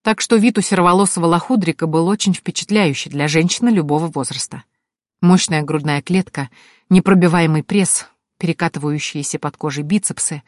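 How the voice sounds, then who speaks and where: A woman's voice: low voice, brisk, darkish tone, dry recording, studio quality. A woman narrating a first-person fantasy audiobook in a wry, ironic tone.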